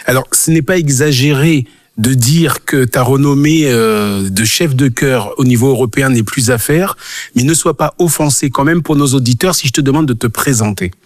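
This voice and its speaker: A man hosting a radio interview, asking friendly questions with some halting restarts. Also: mid-range voice, no echo. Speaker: radio host.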